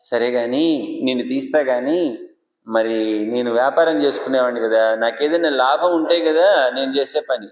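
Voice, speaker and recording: A man's voice: mid-range voice, moderate pace, lightly acted. A man voicing a shrewd old male curd seller who bargains and teases while telling a sermon story. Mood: bargaining. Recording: echoey hall reverb.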